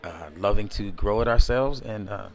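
A man answering interview questions in a relaxed, rambling way, full of fillers, recorded close to a camera indoors at a community event. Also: lowish voice, moderate pace, soft background music. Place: indoor event space by a window at night.

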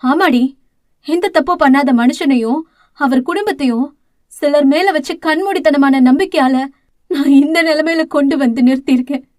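Woman reader as a grieving older sister, tearful and self-accusing, high voice, close dry read. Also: moderate pace, darkish tone, no echo, lightly acted. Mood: despairing. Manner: tearful, pleading, self-blaming. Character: guilt-ridden young woman, anguished elder sister.

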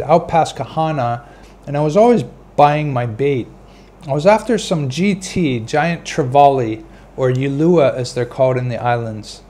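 A middle-aged man telling a first-person fishing story to camera, relaxed and gesturing, recorded on a wired earbud mic in a small room. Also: fairly high pitch. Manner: relaxed, gestures while explaining. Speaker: fishing channel host. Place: small indoor room, plain wall. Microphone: wired earbud mic, webcam framing.

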